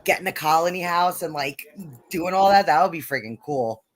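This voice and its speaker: Excitable New York woman hosting a stream. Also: on the low side, moderate pace. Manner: excitable, greets viewers by name, laughs often. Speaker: host. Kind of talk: casual live-stream chat.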